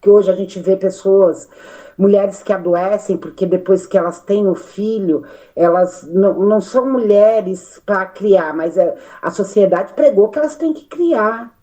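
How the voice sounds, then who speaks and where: Slow, mellow-voiced Brazilian woman. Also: mid-range voice, highs cut off. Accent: Brazilian Portuguese. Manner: animated, gesturing, many fillers and restarts. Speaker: study group participant. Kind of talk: spoken reflection in a study meeting.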